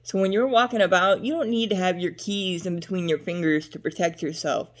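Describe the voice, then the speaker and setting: A young adult woman with a lowish, brisk voice vlogs to camera, rambling and chatty. She drifts from topic to topic and uses lots of fillers.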